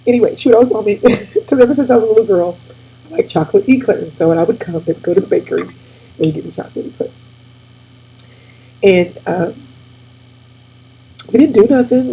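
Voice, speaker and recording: Gravelly-voiced woman host, weepy and heartfelt. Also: mid-range voice, dark tone, low-quality recording. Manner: tearful, addresses audience as y'all. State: weepy, near tears. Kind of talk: casual heartfelt talk to viewers.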